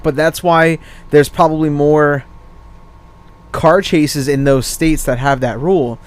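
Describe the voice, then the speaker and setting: A man's voice: a little high, steady tone, unhurried, smooth. A man co-hosting a podcast, joking around and telling rambling stories in casual banter. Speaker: co-host.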